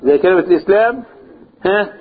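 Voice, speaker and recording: A man's voice: sits high, animated, fast. A man with an Egyptian accent explains a religious text to a class. He often stops to ask his listeners questions and repeats key phrases. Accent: Egyptian Arabic. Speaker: religious teacher. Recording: tinny phone-like, husky sound.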